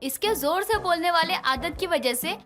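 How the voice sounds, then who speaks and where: A woman voicing a quiet, worried middle-aged mother-in-law who scolds gently. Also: very high-pitched, expressive, normal speed, full character voice. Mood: fretful. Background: background music.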